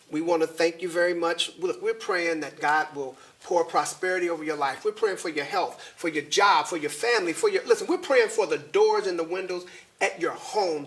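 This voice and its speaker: A man hosting a faith talk show, animated and encouraging in a preacherly way. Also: fairly high pitch. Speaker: host.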